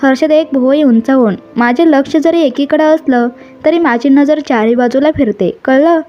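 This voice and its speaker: A woman tells a romantic story in a high voice, reading both the man's and the woman's lines herself. She slips English and Hindi phrases into the narration. The audio is a little dull, with faint music beneath her voice. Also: normal speed, mellow. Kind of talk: storytelling narration with character dialogue.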